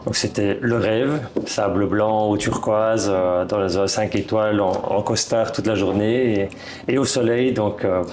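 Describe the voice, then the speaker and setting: With background noise present, a thirty-something Belgian real estate broker chats informally as an interview guest, his Belgian French accent clear as he hesitates and keeps restarting. His fairly low voice stays steady and unhurried.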